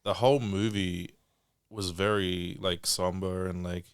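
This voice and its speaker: A man's voice: sits low, fairly even intonation, unhurried, clean tone, dry recording, clean studio sound. A man co-hosting a casual podcast chat, laid-back and trailing off. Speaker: podcast co-host.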